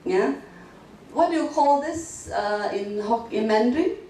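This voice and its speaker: A woman's voice: a little high, animated, a little slow, warm tone, recorded from a distance. A Malaysian woman giving an interactive university lecture, quizzing her audience with frequent tag questions like "right?" and "okay?". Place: university multimedia classroom. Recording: echoey classroom, mic from afar, faint hiss.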